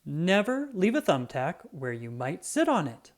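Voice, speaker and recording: A storybook reader voicing an earnest male police officer who announces safety tips in a deliberate, emphatic way. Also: mid-range voice, big pitch swings. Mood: stern warning.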